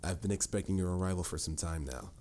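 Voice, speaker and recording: Voiced by a man, a stern adult mage lectures the listener with dry exasperation, acting as a mentor in a fantasy audio roleplay. His low, mellow voice uses formal, measured phrasing, the mood is grave, and some noise and rumble sit in the background.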